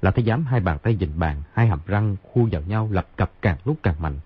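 A man narrating a martial-arts novel in an expressive, brisk storytelling way. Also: sits low, husky. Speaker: audiobook narrator. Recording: tinny phone-like sound.

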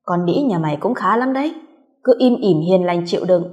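A woman's voice: mid-range voice, animated, fairly quick, lo-fi sound, natural voice. Woman voicing a raging, scornful young husband. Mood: contemptuous rage. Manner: shouting insults, harsh and scornful. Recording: long hall reverb.

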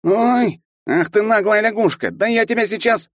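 A man's voice: mid-range voice, animated, brisk, a little mellow, dry recording, studio quality, voice pushed up, close to an everyday voice. A man reading an audiobook voices an arrogant half-elf student, a big bully who turns to pleading. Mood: threatening. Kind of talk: audiobook character voice.

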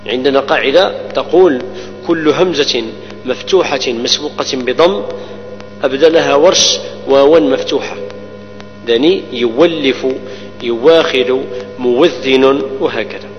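A man teaches the rules of Quran recitation, explaining each rule and then reciting example words slowly and repeating them. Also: medium pitch, faint music behind. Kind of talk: tajweed lesson with recited examples. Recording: dull lo-fi recording with long reverb and hum.

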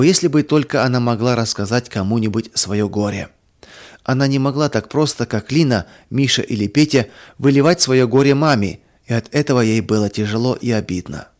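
A man narrates a children's storybook in a calm, steady way, reading from a script. His voice sits at an ordinary middle pitch for a man. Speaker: reader of children's stories.

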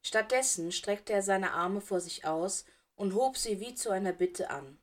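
A woman's voice: medium pitch, lively intonation, a little slow. A woman reading fan fiction aloud with dramatic, emotive narration. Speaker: audiobook reader.

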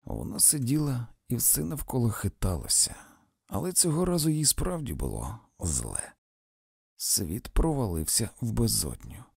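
A male audiobook reader narrating a literary story slowly and expressively. His voice is dark, gravelly and husky, and his pitch moves widely. The recording is close and dry. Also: very animated, dry recording.

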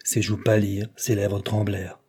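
A man reads a classic novel aloud at a steady, measured pace. His voice sits low and mellow, with a slightly husky edge. The delivery is calm and literary. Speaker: audiobook narrator. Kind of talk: scripted narration.

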